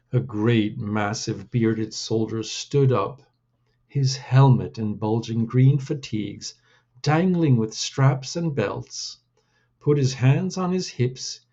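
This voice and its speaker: A man reading his own storybook aloud in a deliberate, measured way. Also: mid-range voice, warm tone, lo-fi sound.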